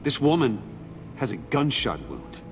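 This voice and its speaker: An actor in a video game playing a grave, measured man who calms and questions a friend. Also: medium pitch, background noise. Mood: stern.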